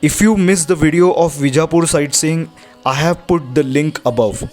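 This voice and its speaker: A man's voice: on the high side, moderate pace, darkish tone. A man with an Indian accent narrating a travel vlog from a script. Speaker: travel vlogger. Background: music.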